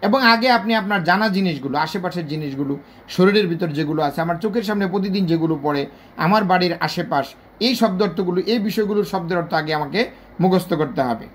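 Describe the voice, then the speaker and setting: A teacher with a Bangladeshi Bengali accent gives a spoken video lesson. The teacher is patient and repeats points, stretching example words out slowly syllable by syllable. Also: medium pitch. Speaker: English teacher.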